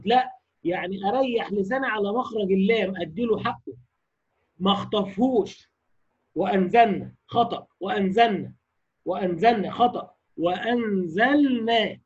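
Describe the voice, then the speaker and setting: Egyptian man, high husky voice, teaching recitation rules on a dull lo-fi recording. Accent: Egyptian Arabic. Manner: explains then slowly demonstrates recitation, asks the class rhetorical questions. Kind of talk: lecture on tajweed rules.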